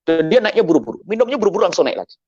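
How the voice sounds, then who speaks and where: A man voicing a calm village shepherd who explains things plainly and lively. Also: sits high, racing, slightly rough, no room sound, dull audio, voice pushed up, full character voice. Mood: explaining. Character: old rural shepherd man, calm and helpful.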